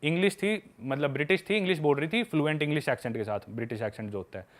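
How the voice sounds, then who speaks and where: A man's voice: fairly high pitch, rapid-fire. A young man chatting casually on a podcast, telling candid travel stories and addressing the listener as a buddy. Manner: candid storytelling, calls listeners "bhai".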